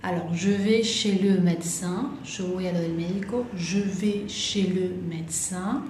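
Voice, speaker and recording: A woman teaching French, patiently repeating each phrase slowly and explaining it. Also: lowish voice, darkish tone, a little hiss or hum. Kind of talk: slow explanatory lesson. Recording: echoey room.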